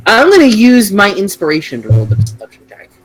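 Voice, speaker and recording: A man's voice: high-pitched, huge pitch swings, a little fast, low-quality recording. A man talking casually as a player in a tabletop role-playing game, partly in character. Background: background music.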